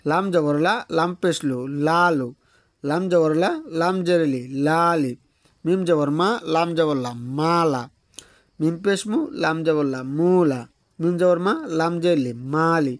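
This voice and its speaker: A man teaching a beginner Quran reading lesson, slowly repeating letter sounds for his students. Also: on the high side, dry recording, studio quality. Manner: slow, repetitive drilling of letter sounds.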